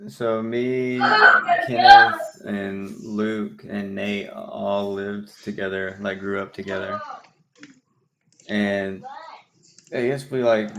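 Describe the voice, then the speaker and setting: A man's voice: on the low side, noisy background. A young man co-hosting a casual podcast chat, laid-back, slangy and profane. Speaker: podcast co-host.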